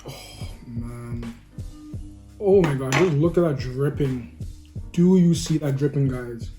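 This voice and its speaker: A man's voice: mid-range voice, takes it slowly, music in the background. A man hosting a casual cooking vlog, upbeat and chatty, tasting food while he talks to viewers. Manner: upbeat, keeps calling viewers "guys"; talks while eating, savoring sounds. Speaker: food vlogger.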